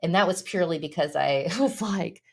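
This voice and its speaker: A woman's voice: low-pitched, brisk, gravelly. A woman in her forties, a massage business owner, chatting as a podcast guest, telling stories, laughing often and acting out her own quotes. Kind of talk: casual conversational interview.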